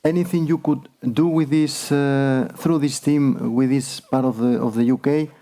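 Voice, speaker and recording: A man moderating a live question-and-answer session, speaking haltingly and repeating his phrases. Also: mid-range voice, fairly even intonation, mellow. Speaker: event moderator.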